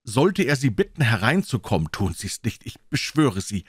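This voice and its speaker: A man's voice: medium pitch, very animated, normal speed, breathy edge, no echo, studio quality. A man voicing an old, loyal male servant who speaks in an urgent, pleading way in a storybook reading.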